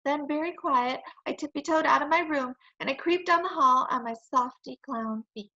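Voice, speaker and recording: A woman reading a children's chapter book aloud in a playful, expressive storytelling manner. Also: high-pitched, moderate pace, highs cut off.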